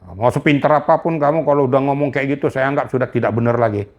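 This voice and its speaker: A man's voice: medium pitch, fast. Older man, indignant, scolding, emphatic, interview guest. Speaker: retired police general, guest. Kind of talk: heated interview talk.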